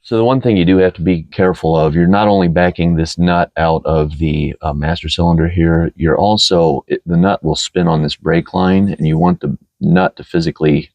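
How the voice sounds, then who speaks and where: A man with a growly voice calmly explains car repair steps as a helper mechanic. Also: deep voice, moderate pace, hardly any pauses, dry recording, lo-fi sound. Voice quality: growly, gravelly. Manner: calm, explains step by step. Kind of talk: casual how-to explanation.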